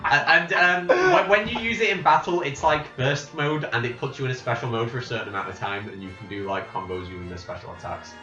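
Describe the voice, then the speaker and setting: Casual male podcaster, halting and digressive, in a roomy room on a somewhat lo-fi mic. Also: medium pitch, over music. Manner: rambling, halting, with frequent restarts and laughs. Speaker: podcast host. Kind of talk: casual chat, recapping a game plot from memory. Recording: roomy, slightly dull home recording.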